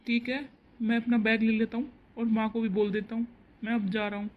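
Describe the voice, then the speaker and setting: A woman voicing a gentle young cartoon husband. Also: fairly high pitch, level tone, brisk, phone-quality sound, close to an everyday voice. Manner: gentle, reassuring.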